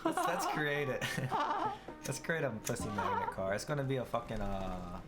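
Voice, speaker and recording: A man's voice: mid-range voice, sing-song, normal speed. A young man co-hosting a podcast, bantering with jokes and profanity. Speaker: podcast co-host. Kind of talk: casual chat. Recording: loud music behind.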